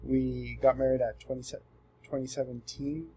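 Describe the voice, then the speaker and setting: With a mid-range voice and a little hiss or hum in the background, a Southern Californian man in his twenties presents himself for a class assignment. He's easygoing yet sincere, frequently saying um and starting his sentences over.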